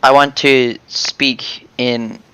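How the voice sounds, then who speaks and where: A man with a smooth, clear voice plays a tabletop game, talking through his moves casually. He speaks slowly, at a middling pitch, in a dry, close sound. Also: level tone, bright, forceful tone, no room sound, poor audio.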